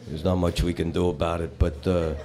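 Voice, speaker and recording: A man's voice: deep voice, level tone, fairly quick, dark tone. A man performing a live comedy set, telling bar jokes with rambling, wisecracking patter between them.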